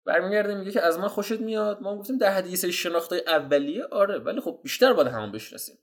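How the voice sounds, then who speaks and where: A man giving casual, slangy dating advice while walking viewers through chat screenshots. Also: sits high. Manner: slangy, animated, addresses viewers as "guys". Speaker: dating coach.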